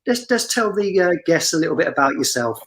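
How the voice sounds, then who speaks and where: A man's voice: fairly high pitch, very animated, brisk, poor audio. Chatty man hosting an interview. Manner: friendly, chatty, stumbling restarts. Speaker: host. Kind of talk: casual interview chat.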